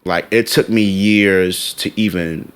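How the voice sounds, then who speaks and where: A man's voice: deep voice, steady tone, slow pace, fairly bright tone, clean tone. A man with an American accent chatting casually and emphatically, repeating himself and leaning on slang. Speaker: music producer. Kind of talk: casual conversation.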